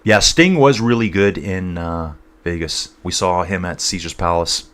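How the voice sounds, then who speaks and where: A man's voice: low-pitched, unhurried, a bit bright. A man from North East England hosting a casual cycling livestream, rambling between race commentary and reading out viewer chat, calling everyone dude and guys.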